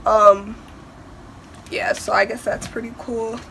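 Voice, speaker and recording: Slow-talking congested teen girl. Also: fairly high pitch, level tone, vocal fry, a bit bright, slight background noise. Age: teens. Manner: rambling, many fillers. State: sick and stuffed up. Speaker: vlogger. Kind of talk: casual unboxing chat.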